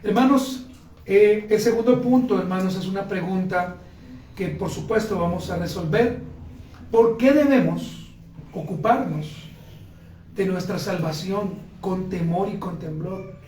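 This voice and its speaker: A man's voice: sits high, measured pace, darkish tone, a little hiss or hum. A man preaching a sermon as pastor, earnestly calling to his congregation and often breaking into spoken prayers. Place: church sanctuary. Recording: echoey church from a distance.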